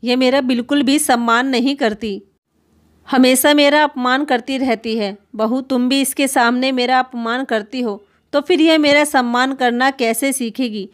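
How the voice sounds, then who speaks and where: A woman's voice: high-pitched, steady tone, measured pace. A woman playing a wronged, pleading grandmother. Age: older. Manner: plaintive, complaining, pleading. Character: aggrieved elderly grandmother, meek and tearful.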